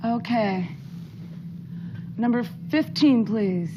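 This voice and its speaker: A woman's voice: on the high side, expressive, drawn-out words, muffled recording, background noise. A woman competing on a game show, giving short, casual answers. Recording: loud game show music behind. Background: loud music.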